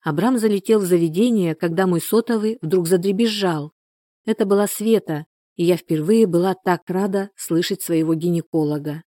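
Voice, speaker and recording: A woman narrating a first-person audiobook in a measured, steady storytelling manner. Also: lowish voice, no room sound, clean studio sound.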